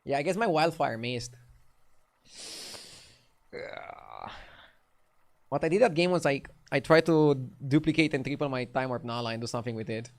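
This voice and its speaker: A young man with a light Romanian accent chats casually with his live-stream audience while playing a card game. His voice sits at medium pitch and moves at a moderate pace, broken by long pauses. He's laid-back and talkative, answering chat between plays.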